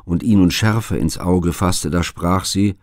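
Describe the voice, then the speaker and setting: A man narrating a classic legend as an audiobook reader, steady and even-toned. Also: low-pitched, a little slow, dry recording, clean studio sound. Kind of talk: scripted narration.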